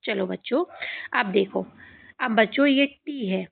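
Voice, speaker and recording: A woman's voice: mid-range voice, measured pace, vocal fry, husky. A woman teacher giving a reading lesson to children, who patiently repeats each word and keeps asking the kids questions. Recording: tinny phone-like sound.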